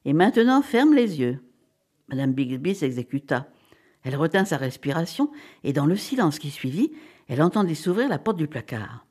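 A woman narrating a short story aloud, dramatic and animated. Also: low-pitched, brisk, breathy edge. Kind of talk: expressive audiobook reading.

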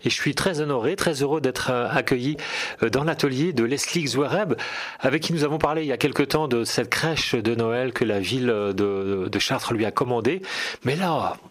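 A man's voice: mid-range voice, normal speed. A man hosting a radio arts program, asking courteous, friendly questions with some fillers. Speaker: radio host. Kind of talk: radio interview.

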